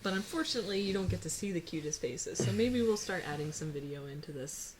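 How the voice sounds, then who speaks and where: A woman co-hosting a relaxed audio chat, teasing her partner in a playful, chatty way. Her voice sits a little low for a woman, with faint noise in the background. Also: fast talker, rough recording. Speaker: co-host. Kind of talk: casual chat.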